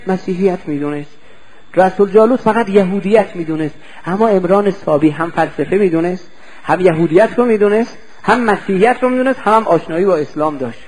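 High-voiced man preaching a fervent sermon. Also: darkish tone, rough recording. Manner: impassioned, dramatic, drawn-out emphatic phrases; addresses listeners directly with questions. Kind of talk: religious sermon.

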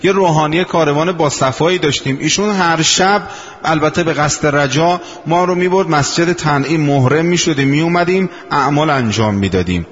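Older preacher in an echoing hall. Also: male voice, fairly high pitch. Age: 60s. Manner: unhurried storytelling, slows for quoted sayings. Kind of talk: sermon. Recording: dull lo-fi recording in a reverberant hall.

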